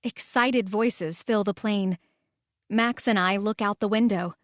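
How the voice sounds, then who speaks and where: A woman narrating a first-person story in a calm, measured way and voicing the lead. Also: medium pitch, no echo, studio quality.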